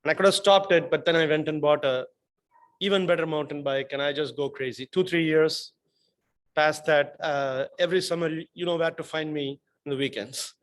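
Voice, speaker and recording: A man giving an earnest impromptu speech about a personal story, with halting restarts. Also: a little high, steady tone.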